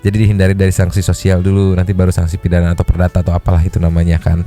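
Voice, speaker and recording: A man's voice: completely flat delivery, racing, warm tone. A man hosting a casual chat, reacting to clips with mocking commentary and laughing often. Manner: mocking, jumps high to imitate others, laughs often. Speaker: podcast host reacting to clips. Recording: music playing faintly behind.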